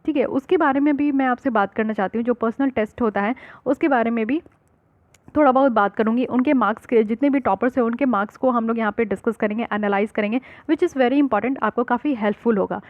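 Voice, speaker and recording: A woman's voice: fairly high pitch, fast, no echo. A woman teaching exam-prep current affairs, explaining patiently and mixing in terms with frequent fillers. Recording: dry, phone-like lo-fi audio.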